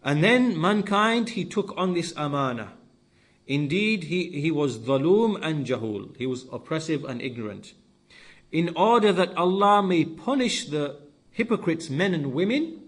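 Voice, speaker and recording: Here a man with a slightly high voice teaches a religious lesson, a sermon that unpacks scripture. His intonation is lively, his phrasing short and deliberate, and he keeps repeating important words for emphasis, teacher-fashion.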